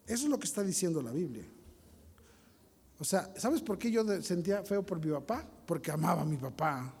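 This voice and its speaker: Man, pastor, high voice, sermon with stories, asks the congregation questions, long church reverb. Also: expressive, brisk, a little mellow, breathy edge. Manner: storytelling, addresses congregation directly.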